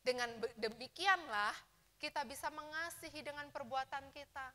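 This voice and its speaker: Bright high-voiced woman preaching. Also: moderate pace. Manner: lively preaching, acts out complaining churchgoers. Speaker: pastor. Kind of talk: sermon. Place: church.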